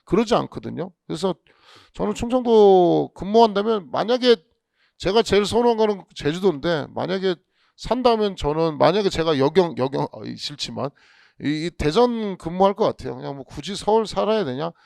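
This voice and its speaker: Gravelly-voiced man giving a casual lecture. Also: high-pitched, animated, brisk, darkish tone, dry recording, clean studio sound. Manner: chatty, rhetorical questions, frequent restarts. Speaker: police exam law instructor.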